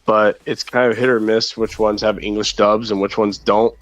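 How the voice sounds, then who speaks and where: A man's voice: lowish voice, little pitch movement, normal speed. A man co-hosting a casual gaming chat, rambling and thinking aloud as he talks. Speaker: co-host.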